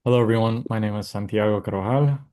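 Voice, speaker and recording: A young man from Texas speaks over a video call as a student ambassador. His voice is very low. He speaks earnestly and in a composed way. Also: fast talker, darkish tone. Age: young adult. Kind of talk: casual self-introduction.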